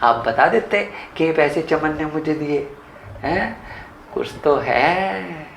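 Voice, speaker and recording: A man's voice: fairly high pitch, expressive, takes it slowly, creaky, fairly bright tone, echoey room, slight background noise, exaggerated voice, rough recording. A man playing a pushy house servant. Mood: insisting. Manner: wheedling and insistent, keeps pressing money. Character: brazen young male house servant, pushy. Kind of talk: Hindi family drama skit.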